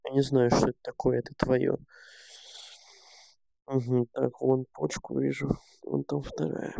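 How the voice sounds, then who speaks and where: A man's voice: mid-range voice, little pitch movement, unhurried, gravelly, mellow, no echo. A young man streaming a game, grumbling and swearing to himself in casual commentary. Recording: dull lo-fi sound.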